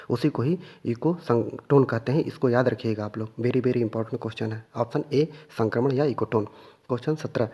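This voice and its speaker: A man with a medium-pitched, slightly rough, somewhat mellow voice teaches exam revision, asking and answering his own questions while repeatedly emphasizing what matters most.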